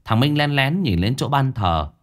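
A man's voice: medium pitch, animated, moderate pace. A man narrating a ghost story in a dramatic, suspenseful way.

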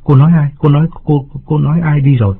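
A man's voice: on the high side, quick pace, slight background noise, voice pushed up, lightly acted. A male narrator voicing an anxious, deferential young male servant who stammers. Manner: hesitant, stammering. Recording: phone-like band, music behind.

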